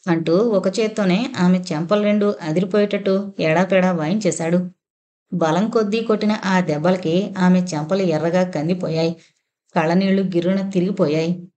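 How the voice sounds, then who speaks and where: A woman narrating a novel in a steady storytelling voice. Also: on the low side, moderate pace.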